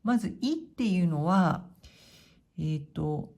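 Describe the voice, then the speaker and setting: A woman teaching hiragana, calmly reading the kana one by one and explaining how to write them. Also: fairly low pitch, slow. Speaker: Japanese teacher.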